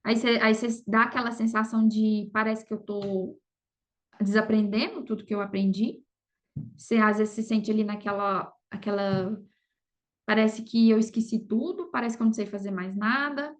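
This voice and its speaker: Here a Brazilian affiliate marketer speaks as a podcast interview guest, relaxed and conversational, regularly ending sentences with "sabe" or "entendeu." She has a medium-pitched voice with fairly even intonation at normal speed.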